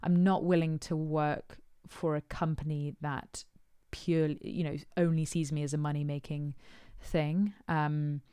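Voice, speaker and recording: Low-voiced woman, very smooth and resonant. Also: flat delivery, a little slow, hardly any pauses, dark tone, dry recording, studio quality. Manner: thoughtful, hesitant, with many ums and uhs. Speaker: musician answering supporters' questions. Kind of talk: casual Q&A chat.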